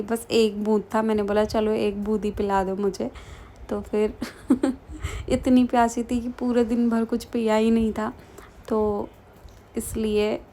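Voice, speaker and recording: A woman's voice: fairly high pitch, darkish tone, slight background noise. A young woman from the Kumaon hills, chatting casually through her vlog narration with lots of fillers. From Kumaon, Uttarakhand. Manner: chatty, frequent fillers, laughs while telling. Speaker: vlogger.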